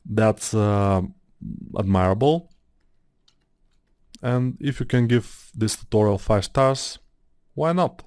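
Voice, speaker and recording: His voice is lowish, clear and resonant, a bit mellow, and he talks slowly with frequent pauses. The man, who has an Eastern European accent, wanders conversationally through a modeling tutorial, musing aloud with plenty of fillers, in a dry, clean studio recording.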